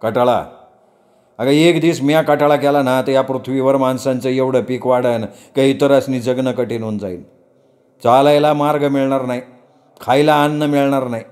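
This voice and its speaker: A man's voice: medium pitch, steady tone, normal speed, a little mellow, lightly acted. A man doing a sheepish young herdsman. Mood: mock-grand. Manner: rustic village speech, sheepish. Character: shy young male herdsman, rough and humble.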